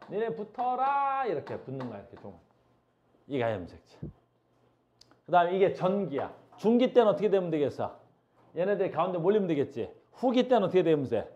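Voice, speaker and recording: A man's voice: on the high side, mellow, highs cut off. A male science teacher lecturing a class while drawing, asking questions and answering them himself, repeating key phrases. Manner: repeats key phrases, calls out playful commands.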